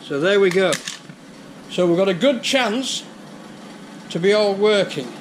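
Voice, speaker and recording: A man's voice: high-pitched, expressive, a little slow, noisy background. An older man with a Yorkshire accent, chatting through a repair in his garage workshop on a head-worn camera. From England. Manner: chatty, explaining repairs step by step. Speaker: vlogger. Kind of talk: casual workshop vlog. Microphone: head-mounted action camera.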